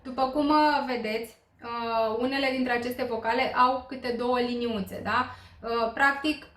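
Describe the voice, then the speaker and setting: A woman from Romania leads a beginners' language lesson, patient and explanatory, often pausing on small fillers. Her voice sits slightly high. The sound carries a noticeable room echo. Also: fairly even intonation, a bit bright. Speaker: Korean language teacher. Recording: roomy echo.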